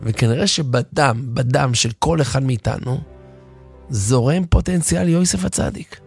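A man giving an impassioned late-night radio sermon, hoarse and animated. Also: mid-range voice, faint music behind. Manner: animated, impassioned, acts out stories. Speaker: radio preacher. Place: radio studio.

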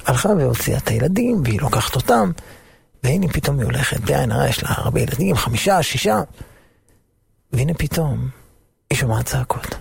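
A male preacher giving a sermon in a lively storytelling manner and acting out the voices of the people in his stories. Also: medium pitch, gravelly, husky, dry recording.

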